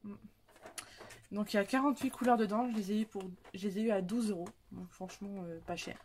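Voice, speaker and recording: A woman's voice: mid-range voice, steady tone, brisk, a little mellow, a little hiss or hum. A young woman, chatting casually about her coloring supplies, rambling with many fillers and restarts. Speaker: coloring hobby vlogger. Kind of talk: casual chat showing supplies.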